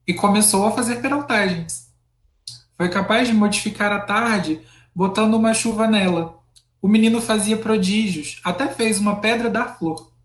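Echoey Brazilian woman, host's voice. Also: medium pitch. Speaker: interview host. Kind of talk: poetry reading, then conversational hosting. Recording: echoey, roomy sound.

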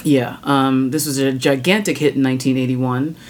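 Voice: mid-range voice, steady tone, normal speed. Wry, blunt music podcast host. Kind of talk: scripted music commentary with casual asides.

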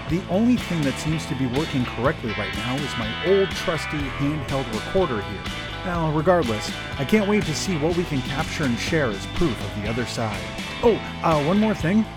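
A man's voice: a little high, close to an everyday voice. An actor playing an enthusiastic, playful male paranormal investigator in an audio drama. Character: eager male paranormal investigator and house flipper.

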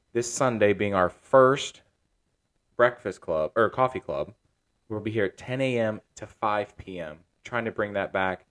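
A man hosting a casual podcast from his cigar lounge, talking in a relaxed, rambling way with plenty of fillers. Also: lowish voice.

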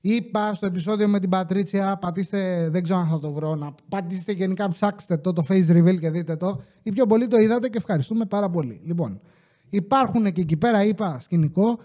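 Sitting high in pitch, a man running a podcast relates comic anecdotes casually and with animation, voicing customers' words himself and cursing freely.

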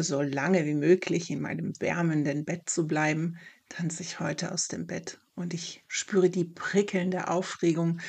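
A storyteller giving a calm, measured first-person narration of a fairy-tale story. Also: mid-range voice, vocal fry, husky.

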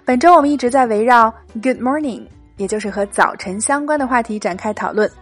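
A woman's voice: fairly high pitch, a little fast, husky, faint music behind. A woman hosting a scripted English lesson podcast, reading short English dialogues and explaining them in Mandarin. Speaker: English teacher, host.

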